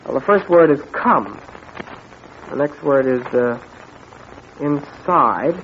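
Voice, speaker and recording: An American male actor playing an eager, bright boy sidekick in an old radio show adventure serial. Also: mid-range voice, lively intonation, slow. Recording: tinny, noisy old radio recording.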